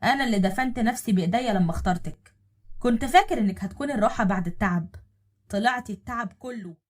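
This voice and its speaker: This is a weary husband full of regret, read by a woman in her own voice, tired and resigned in an audio story. The Egyptian Arabic is quick and slightly husky. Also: on the high side, close to an everyday voice. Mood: regretful.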